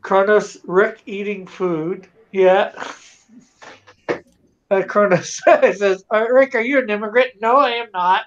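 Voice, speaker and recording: A man's voice: high-pitched, steady tone, slow pace. Giggly Canadian man on a live stream. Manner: giggly, laughs often. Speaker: guest YouTuber. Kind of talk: casual live-stream chat. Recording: slightly dull lo-fi audio.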